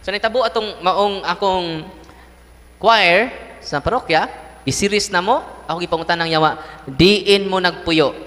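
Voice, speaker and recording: A Cebuano-accented priest preaches with a bright, forceful voice that carries. His pitch sits a little high for a man, and his sermon is lively and playful as he acts out the people in his stories. His voice rings with the long reverb of a large hall. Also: moderate pace. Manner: animated storyteller, acts out voices and laughs.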